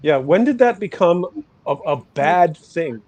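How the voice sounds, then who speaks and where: A man's voice: a little high, lively intonation, measured pace, a little mellow, no echo. A man, a guest on a podcast, speaking in an emphatic, impassioned and profane manner. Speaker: podcast guest, rights activist. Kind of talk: casual chat.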